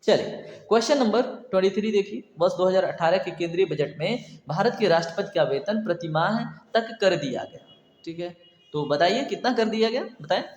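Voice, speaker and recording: A man's voice: high-pitched, animated, brisk, reverberant, long reverb tail. A man teaching an exam prep lecture, asking questions and answering them himself, repeating key answers. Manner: repetitive quizzing, asks and answers himself.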